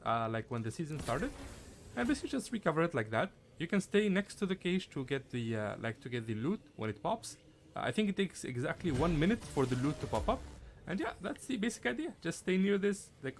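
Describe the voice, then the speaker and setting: A slightly high male voice comes through with some background noise. The speaker, a young gaming guide creator, casually walks viewers through a video game, chatting freely, using many fillers, and referring to them as "guys."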